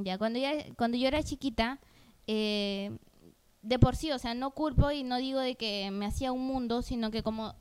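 A woman with a smooth, clear voice that sits a little high. She talks in long, earnest, rambling turns, open and personal, as a podcast co-host in casual chat. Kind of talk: candid conversational podcast.

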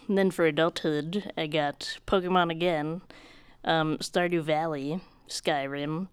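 Low-voiced woman, crisp and dry. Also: no room sound. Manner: chatty, quick, laughs often, many "like"s. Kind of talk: casual chat about video games.

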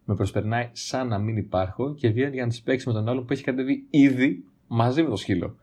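A man's voice: medium pitch, darkish tone, breathy edge. A man telling a wry everyday story in a casual, conversational way, with some swearing.

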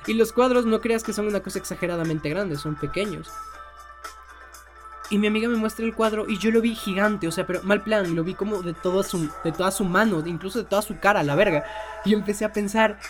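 A man's voice: sits high, a little fast, faint music behind. A young man casually telling a personal story, swearing freely and laughing often.

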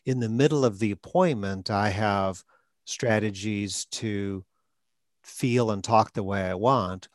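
Speaking slowly in a lowish voice, a man coaches on stuttering as a podcast host, using short phrases and occasionally blocking on a word. It's conversational coaching talk, captured as clean studio sound without echo.

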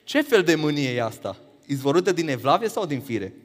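A man preaching a sermon, firing rhetorical questions that climb to emphatic peaks and then drop low. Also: big pitch swings, long reverb tail.

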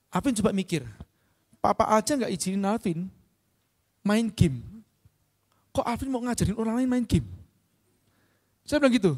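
A middle-aged man. He keeps asking whether they follow and clears his throat often. His voice rings with the long reverb of a large hall. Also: sits high, a little mellow. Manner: checks understanding with frequent tag questions. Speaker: business speaker. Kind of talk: motivational seminar talk.

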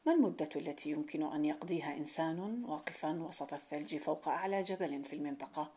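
A woman's voice: sits low, fast talker, dark tone, close to an everyday voice. A woman reading the lines of a rich, bored, domineering middle-aged merchant in a folk tale. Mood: commanding. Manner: challenging, commanding.

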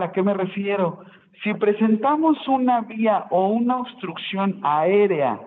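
A man's voice: high voice, slight background noise. A man, explaining a nursing topic to his class and often asking questions back. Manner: explanatory, asks rhetorical questions, self-correcting. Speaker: nursing student presenting. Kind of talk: classroom presentation. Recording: tinny phone-line sound in echoey hall.

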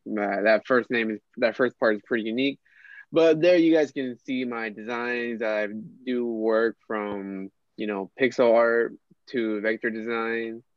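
A man of middle pitch, a guest on a casual podcast, talks haltingly and fills his pauses with ums and uhs. His voice comes through a dull, muffled line and sounds dry, with no room echo. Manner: hesitant, full of ums and uhs. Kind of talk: casual chat.

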